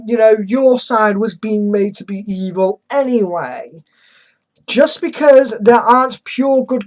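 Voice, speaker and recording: A woman hosts a dramatic reading, reading an article aloud and adding sarcastic, exasperated commentary. Her voice is on the high side and a little mellow, and the audio is poor.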